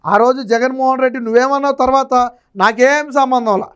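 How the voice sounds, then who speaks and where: Guy with a super high smooth voice doing political commentary, keeps throwing scolding questions. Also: fairly even intonation, fairly quick, a bit bright.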